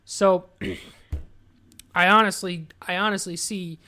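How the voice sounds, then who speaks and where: A man's voice: high voice, fairly even intonation, slow pace, bright, forceful tone. Rambling, earnest young man. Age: young adult. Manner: rambling, earnest, restarts his thoughts often. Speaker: podcast co-host. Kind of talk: casual chat.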